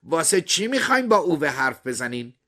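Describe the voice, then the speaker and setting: A man voicing an excitable, blunt young woman neighbor who talks in loud, emphatic bursts. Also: on the high side, pitched above the performer's own voice, full character voice. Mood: alarmed.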